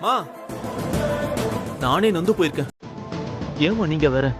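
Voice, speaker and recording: Weary dejected young son. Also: male voice, a little high, expressive, unhurried. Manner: weary, protesting. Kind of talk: TV serial acting. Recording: with background music.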